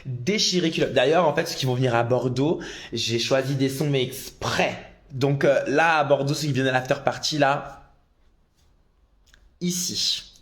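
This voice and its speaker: A man doing a drag live stream on his phone, reading out viewer comments and answering them in a chatty, excitable way, with sudden loud outbursts. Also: mid-range voice, moderate pace.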